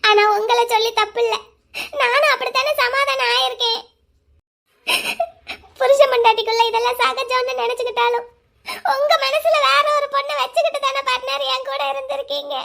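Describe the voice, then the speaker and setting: A woman voicing a hurt young wife in a cartoon drama, crying and accusing her husband loudly. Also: extremely high pitch, normal speed, gravelly, full character voice. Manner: loud, accusing, bitter. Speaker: voice actor.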